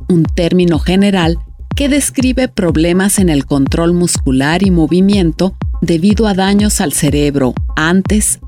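Lady reading a scripted radio intro, voice a bit low. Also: a little mellow. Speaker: radio program presenter. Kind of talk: scripted narration.

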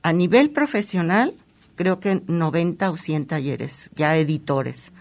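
A woman's voice: lowish voice, measured pace, darkish tone. A woman speaking as a guest in an interview, explaining with enthusiasm. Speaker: printmaking guest. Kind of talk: interview conversation.

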